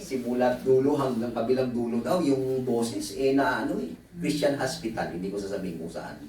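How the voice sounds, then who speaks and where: A male pastor delivering a humorous sermon, switching between Tagalog and English with animated storytelling asides. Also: mid-range voice, brisk, a little hiss or hum. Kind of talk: sermon at a Bible conference. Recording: echoey hall, distant mic, faint ambience.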